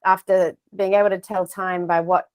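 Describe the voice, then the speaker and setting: An Australian woman in her thirties, a guest speaker, tells her career story over a video call from a home office lined with shelves of plush toys. Her voice is fairly low and level at a normal speed, picked up by an earphone mic, and she's chatty and self-deprecating, gesturing as she talks.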